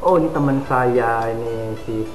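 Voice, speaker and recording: A man's voice: medium pitch, normal speed. A man who works as a study-abroad consultant gives advice to viewers and keeps addressing them directly as he talks. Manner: addresses listeners repeatedly as "saudara". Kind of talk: instructional talk to viewers. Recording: roomy echo with loud music behind. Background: music.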